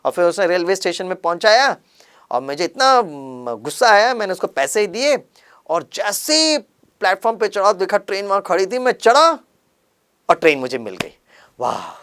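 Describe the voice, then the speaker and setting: A man's voice: high voice, normal speed, clean tone. A man giving a sermon as a story, acting out dialogue and dropping English words into his talk. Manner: acts out dialogue in lively voices; mixes English words into Hindi. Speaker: spiritual speaker.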